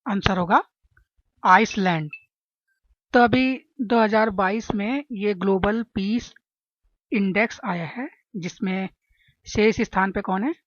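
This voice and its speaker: A woman's voice: mid-range voice, slow, long pauses, no echo, highs cut off. A woman teaching general-knowledge exam questions and explaining memory tricks, often checking in with her listeners. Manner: chatty, keeps asking "है ना?" to check understanding.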